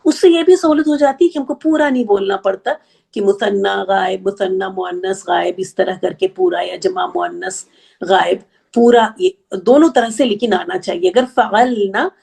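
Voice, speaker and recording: A woman teaching an Arabic grammar class, explaining patiently step by step and counting slowly aloud. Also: medium pitch, creaky, a little mellow, husky. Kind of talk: online class lecture.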